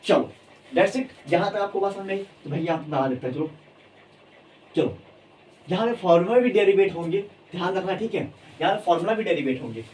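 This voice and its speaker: High-voiced, animated Hindi chemistry teacher. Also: male voice, brisk, distant mic, a little hiss or hum, rough recording. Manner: animated, repeats key terms, coaxing students. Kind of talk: energetic classroom lecture.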